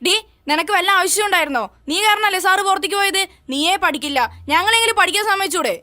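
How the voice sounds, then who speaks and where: A woman acts out a young female student scolding a classmate, her voice very high and bright. She fires off her reproaches quickly and with a sharp edge. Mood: reproachful. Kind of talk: short film acting.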